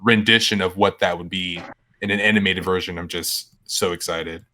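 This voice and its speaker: Low-voiced man, halting and bright. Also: fairly even intonation. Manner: halting, full of fillers. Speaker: podcast co-host. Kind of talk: casual chat.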